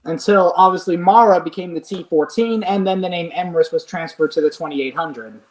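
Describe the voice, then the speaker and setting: A streamer hosts a relaxed livestream and chats with a guest. The talk runs on in long, enthusiastic stretches, full of detail, at an easy, even pitch. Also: brisk, rough recording. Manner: enthusiastic, rambling. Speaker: streamer, host. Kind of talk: casual chat.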